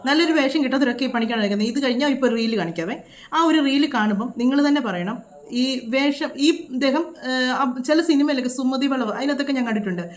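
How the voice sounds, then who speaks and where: A woman vlogger delivers scolding reaction commentary at a rapid-fire clip, her pitch a bit high. She sounds indignant and fires off quick rhetorical questions.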